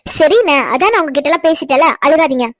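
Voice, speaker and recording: In cartoon voice acting, a woman plays a grown sister who scolds and affectionately teases her brothers. Her high, expressive voice moves fast, and the recording is dry.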